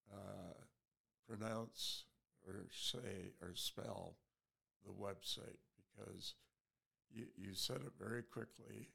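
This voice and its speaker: An older man interviewing a guest, asking slow, careful questions. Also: fairly low pitch, vocal fry, pushed and bright, slightly rough.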